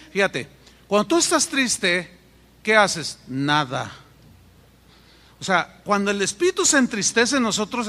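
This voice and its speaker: A man preaches a sermon in an animated way, slipping into voices for his anecdotes. His voice sits high and rings bright. The sound comes from a hall with a long, trailing reverb. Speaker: pastor.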